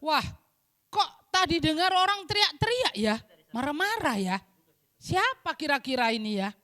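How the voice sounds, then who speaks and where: A woman's voice: sits high, very animated, moderate pace, sharp tone. A woman teaching Sunday school, telling a story to children in a playful, coaxing way.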